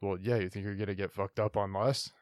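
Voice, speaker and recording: A man's voice: lowish voice, fairly even intonation, fairly quick, darkish tone, no room sound, clean studio sound, natural voice. A man playing a brash, teasing fanged adventurer in an improvised tabletop game, casual and goading. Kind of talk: improvised tabletop role-play.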